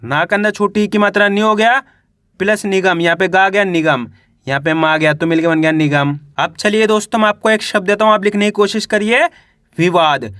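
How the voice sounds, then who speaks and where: A man's voice: high voice, fairly even intonation, fairly quick, a bit bright, no echo, clean studio sound. A young man teaching a Hindi reading lesson, spelling out words syllable by syllable and quizzing the viewers.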